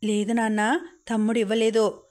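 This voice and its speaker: A woman voicing a grieving young woman, a devoted older sister who pleads softly, in an audiobook reading. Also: fairly high pitch, completely flat delivery, moderate pace, natural voice. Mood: sad pleading.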